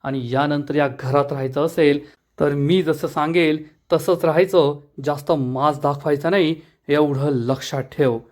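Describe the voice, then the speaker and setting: A man's voice: a little high, fairly even intonation, unhurried, darkish tone, close to an everyday voice. A man voicing a domineering older politician father. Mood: threatening. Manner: scornful, taunting.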